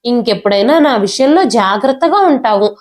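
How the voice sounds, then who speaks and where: A woman's voice: fairly high pitch, animated, moderate pace, close to an everyday voice. A woman voicing an angry, domineering young wife who harshly scolds her sister-in-law in a storybook reading. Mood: furious.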